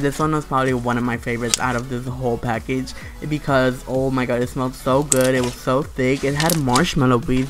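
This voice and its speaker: A man's voice: medium pitch, noisy background. A man giving a casual, gushing voice-over product review, peppering it with "like", "super" and "you guys". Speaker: slime shop reviewer, video host.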